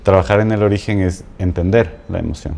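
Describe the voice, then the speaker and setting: A man guest coach talking in a halting way, repeating words and checking in with "¿no?". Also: low voice, vocal fry, darkish tone. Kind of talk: casual conversation.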